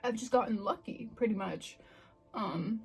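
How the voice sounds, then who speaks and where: A woman's voice: a little high, measured pace, vocal fry, darkish tone, breathy edge, faint music behind. A woman in her twenties chatting casually and candidly to the camera in a self-reflective, confessional way. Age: 20s. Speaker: vlogger.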